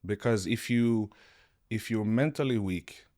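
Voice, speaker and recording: Low-voiced, animated man from Sweden. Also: measured pace. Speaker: guest, martial arts coach. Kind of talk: podcast interview.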